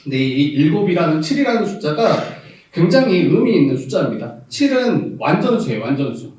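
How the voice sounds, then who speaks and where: Preaching in a church sanctuary, the same kind of South Jeolla pastor uses his Jeolla dialect to reminisce openly, laughing often and swelling toward emphasis. His male voice sits on the high side, swings widely in pitch, moves briskly, and sounds a little mellow. The audio is far-off and very echoey.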